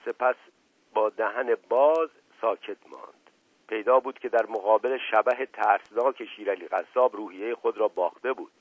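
Measured male audiobook narrator. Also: on the low side, slightly rough, dry recording, narrow, tinny audio. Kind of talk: scripted narration.

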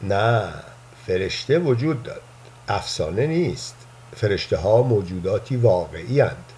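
A man voicing a gentle, playful old man who earnestly believes in angels, speaking softly and confidingly. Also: on the low side, expressive, a little hiss or hum, close to an everyday voice. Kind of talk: storybook reading.

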